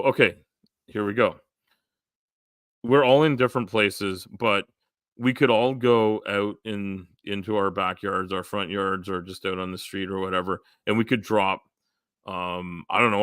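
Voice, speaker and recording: A man hosting a casual livestream chat, rambling with lots of fillers and going hoarse. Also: on the low side, bright, forceful tone, no room sound, studio quality. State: losing his voice. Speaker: live stream host.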